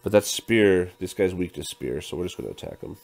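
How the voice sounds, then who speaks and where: Deep-voiced man narrating a board game. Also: animated, fairly quick, gravelly, a little hiss or hum. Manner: counts dice out loud, thinks through moves. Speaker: tabletop game player narrating a playthrough. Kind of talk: casual play-by-play, reading game text aloud.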